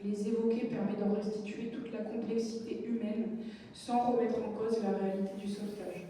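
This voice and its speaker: A woman's voice: mid-range voice, steady tone, normal speed, dark tone, slight background noise. A young French woman, a doctoral researcher, giving an academic lecture from notes, often breaking off with fillers and self-corrections. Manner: reads a prepared text, then digresses with many fillers and self-corrections. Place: lecture hall. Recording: distant, echoey lecture hall recording.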